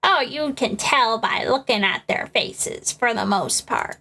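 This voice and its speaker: A woman's voice: fairly high pitch, animated, measured pace, vocal fry, pushed and bright, full character voice. A woman voicing a cranky, gossipy old woman security guard in a scolding old-lady drawl, reading game dialogue aloud. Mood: dismissive.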